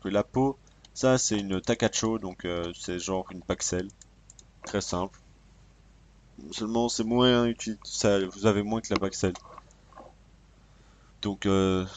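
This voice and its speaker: A man with a lowish voice narrates his gameplay in a loose, joking way, cursing at the game and muttering to himself. He's on a cheap desk microphone, with faint hiss and the clatter of keyboard clicks behind him. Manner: casual and profane, joking, mutters to himself while playing. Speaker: gamer showcasing a mod. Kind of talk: casual gameplay commentary. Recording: cheap mic with faint background noise. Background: keyboard clicks and typing.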